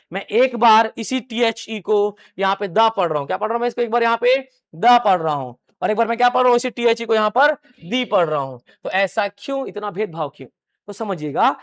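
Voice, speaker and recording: A man with a high voice gives a live classroom lecture on English grammar. He fires questions at his students and answers them himself. He drills the same phrases again and again. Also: a bit bright. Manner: repeats key phrases many times. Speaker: English teacher.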